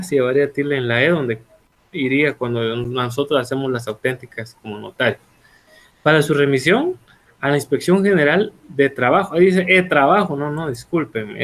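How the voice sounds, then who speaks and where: A man teaching a law class in a relaxed, conversational way, asking rhetorical questions and correcting himself as he goes. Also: fairly high pitch. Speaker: law lecturer. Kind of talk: online law class lecture.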